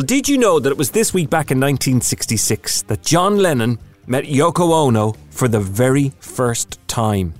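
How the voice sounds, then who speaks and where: A man hosting a podcast, chatty and casual, with rambling asides. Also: medium pitch. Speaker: podcast host. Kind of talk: casual chat.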